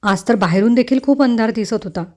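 A woman telling a first-person romance story in an intimate, unhurried scripted narration. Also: on the high side, darkish tone.

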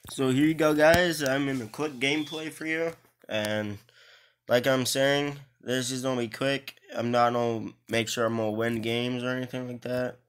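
A young Irishman talks loosely over his mobile gameplay, tripping over and restarting his words as he goes. His voice is smooth and clear, sitting at an ordinary male pitch. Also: little pitch movement, moderate pace, fairly bright tone. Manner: rambling, restarts words often. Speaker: mobile game YouTuber. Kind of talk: casual gaming commentary.

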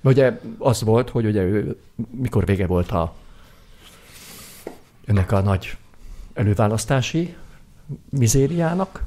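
A man co-hosting a casual podcast, answering in a measured, hesitant way with a sober tone. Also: lowish voice, animated, dark tone. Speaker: podcast co-host. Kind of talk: casual political chat.

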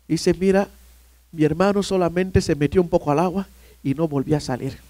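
A male pastor telling a lively personal story during a sermon, often calling listeners "brother". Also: high-pitched, dry recording. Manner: animated storyteller, often addressing "hermano".

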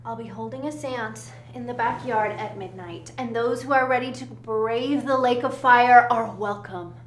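An actress playing a gloomy, theatrical young roommate who speaks in grandiose, overwrought declarations. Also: female voice, a little high, moderate pace, slight background noise, natural voice. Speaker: roommate Gwendolyn. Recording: roomy echo.

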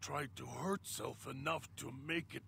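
An actor voicing a hulking, timid mutant who talks about himself in the third person in simple broken phrases, in a video game. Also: male voice, medium pitch, measured pace, creaky, pushed and bright, slight background noise, full character voice. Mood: pleading. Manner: simple broken speech, refers to self as Dog.

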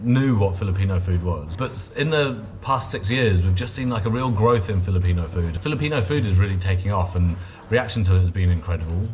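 A man's voice: sits low, expressive, a little fast, hardly any pauses, darkish tone, soft background music. A man in his thirties who grew up in England, chatting casually in an interview about his restaurant. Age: 30s. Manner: chatty, many fillers like "you know". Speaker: restaurant owner. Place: indoor restaurant.

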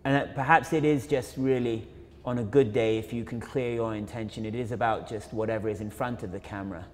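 A man's voice: lowish voice, steady tone, brisk, a little mellow, a little hiss or hum. A young man, a photographer and filmmaker, giving an informal illustrated talk in a university auditorium, reflective and full of fillers and self-corrections. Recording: long reverb of a lecture hall.

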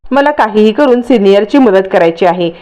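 A woman's voice: medium pitch, animated, moderate pace, dark tone, muffled recording, lightly acted. A woman voicing a loyal young hero who speaks in a stern, accusing way in a storytelling recap.

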